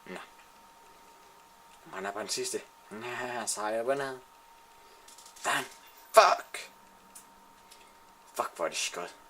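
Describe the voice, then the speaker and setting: An excitable man narrates his shooter match as it happens, swearing and taunting opponents. His voice is bright and sharp, and it swoops up and down constantly. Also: mid-range voice, creaky, pauses often, a little hiss or hum. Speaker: gamer playing a shooter. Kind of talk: live gameplay commentary.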